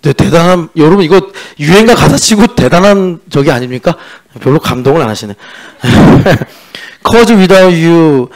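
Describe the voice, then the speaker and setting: In a church sanctuary, a male pastor with a high-ish, expressive, creaky voice preaches at a moderate pace. He's chatty and joking, teases his congregation, and slips in English lyric lines in a sung style.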